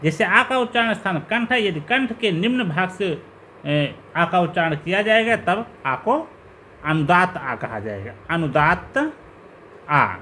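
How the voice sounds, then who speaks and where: A male teacher gives a slow, step-by-step lecture on grammar, going through terms one after another. His voice sits high and moves a lot, rising on each question. A faint hiss runs behind him. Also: sing-song, bright, forceful tone. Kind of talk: classroom lecture explaining grammar.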